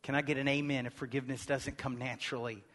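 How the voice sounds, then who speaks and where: A man preaching a sermon, firing off rhetorical questions and swinging from loud, pressing lines to hushed ones. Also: medium pitch, level tone, fast, big-room sound. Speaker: pastor.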